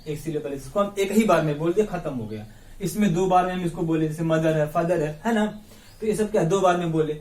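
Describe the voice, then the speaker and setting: A man teaching English grammar in a classroom-style lesson. He breaks words into syllables slowly, repeats them, quizzes his listeners and calls them his brothers. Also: high voice, darkish tone, distant mic. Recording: echoey room, voice off the mic.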